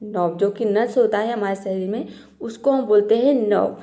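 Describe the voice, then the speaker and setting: A woman's voice: medium pitch, moderate pace, dark tone. A woman gives a spoken pronunciation lesson. She explains each rule step by step and repeats every example word before giving its meaning. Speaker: English teacher.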